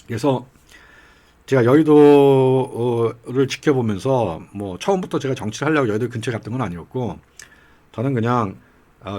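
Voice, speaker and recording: A middle-aged man giving casual political commentary, telling rambling anecdotes with chuckles along the way. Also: medium pitch. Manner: acts out regional dialect quotes.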